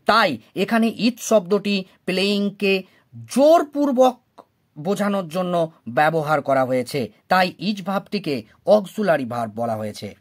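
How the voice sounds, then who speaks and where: A woman's voice: fairly low pitch, animated, unhurried. Woman teacher walking students through grammar rules, patient, points at examples, voice rises and falls a lot. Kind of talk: explaining lesson in Bengali.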